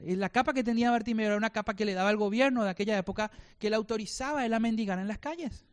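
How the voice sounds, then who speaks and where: High-voiced preacher. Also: male voice, rapid-fire, smooth. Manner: rhetorical questions, acts out quoted voices. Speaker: pastor. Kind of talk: sermon.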